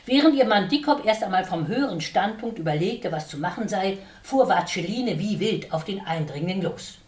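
Woman reading stories aloud with lively expression. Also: medium pitch, normal speed. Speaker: reader. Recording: roomy, distant mic.

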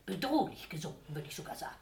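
A woman's voice: sing-song, fast, gravelly, darkish tone, echoey room. A woman voicing a scheming, fawning male Devil who talks like a wheedling salesman, in a read-aloud story. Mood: eager pitch. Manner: wheedling, theatrical, swings between whining and eager pitching.

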